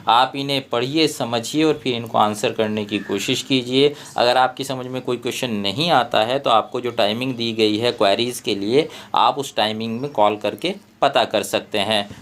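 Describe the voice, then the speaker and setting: A man with an Indian English accent, a tutor who slowly reads out textbook exercises and explains them. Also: medium pitch, a bit bright. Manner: slow, deliberate reading of English prompts, explains in Hindi.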